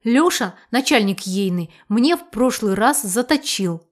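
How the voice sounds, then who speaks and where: This audiobook character is a blunt, loud village aunt, scolding and ridiculing in one breath, as performed by a woman reading the tale. Her voice is somewhat high and forceful, animated but a little slow, and she is clearly scolding.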